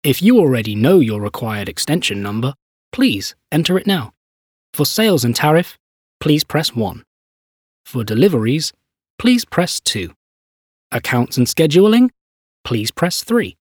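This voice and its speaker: Man doing a courteous phone menu voice, lively pitch. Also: no room sound, clean studio sound. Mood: polite, businesslike. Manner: measured, courteous, clearly itemised announcing. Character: polite automated phone menu greeter for a business. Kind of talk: phone menu voice, scripted recorded greeting.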